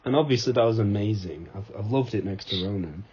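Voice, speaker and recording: A man's voice: lowish voice, a little fast, a little mellow, breathy edge. A young man co-hosting a podcast, chatting casually with a sarcastic, ribbing manner. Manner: sarcastic, ribbing, laughs often. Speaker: podcast co-host. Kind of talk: casual chat. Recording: dull lo-fi podcast recording.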